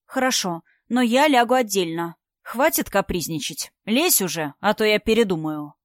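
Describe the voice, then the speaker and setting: A woman reading the part of a gruff, stern man who talks curtly and grumbles, in an audiobook. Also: mid-range voice, lively intonation, moderate pace, no echo, studio quality, close to an everyday voice. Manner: grumbling, curt. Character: gruff stern man, a wary traveling companion. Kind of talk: audiobook character voice.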